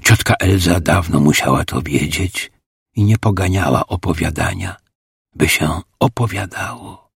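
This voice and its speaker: A man reading an audiobook as narrator, in a slow, measured, grave manner on a close studio mic. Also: deep voice, vocal fry, husky, no echo. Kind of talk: scripted narration.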